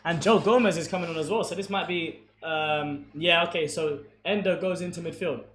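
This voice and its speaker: A young man giving casual, excitable football commentary on a livestream, chatting with his viewers between plays. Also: on the high side, a little fast. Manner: casual, excitable play-by-play, talks to chat. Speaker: streamer commentating a football watchalong. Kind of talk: live match commentary and chat with viewers. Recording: echoey room with faint background noise.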